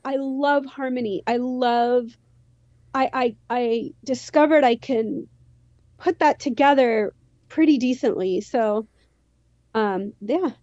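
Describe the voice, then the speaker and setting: Her pitch is high and her tone darkish, on a muffled recording without echo. This musician from California's San Fernando Valley rambles casually as a podcast interview guest, in a youthful, teenage-sounding voice with a Valley Girl accent and a slight lisp.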